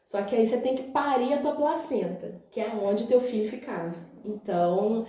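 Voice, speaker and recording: A woman's voice: fairly high pitch, normal speed, dark tone. Chatty young Brazilian woman vlogging. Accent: Brazilian Portuguese. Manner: chatty, often says "gente" and "né", laughs along. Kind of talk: casual storytelling to viewers. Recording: very echoey room.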